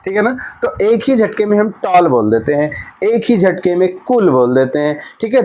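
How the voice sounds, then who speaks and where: Guy teaching a grammar class, kinda high voice, keeps going "right?" and answering his own questions. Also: darkish tone. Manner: repeats "ठीक है ना" often, asks and answers his own questions. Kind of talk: explaining a grammar lesson.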